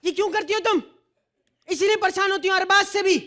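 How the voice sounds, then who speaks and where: A woman's voice: very high-pitched, fairly quick, a bit bright. A woman playing a brash, cheeky female comic in a stage comedy sketch, bantering cockily and laughing. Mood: teasing. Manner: cocky, teasing, laughing banter. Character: brash, cheeky female comic who calls herself buffalo.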